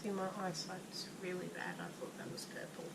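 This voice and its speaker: A woman's voice: fairly low pitch, level tone, normal speed, creaky. A woman chiming in from across the room at home, teasing her husband in a dry, casual way, far from the microphone. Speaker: host's wife chiming in. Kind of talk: casual teasing chat from off to the side. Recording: distant voice with loud background noise.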